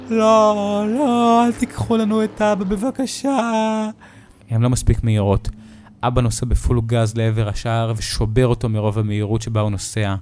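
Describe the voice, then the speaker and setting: A man reading a scripted horror story in the first person, steady and measured. His voice is dark and mellow, mid-pitched, with faint music running under it. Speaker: narrator.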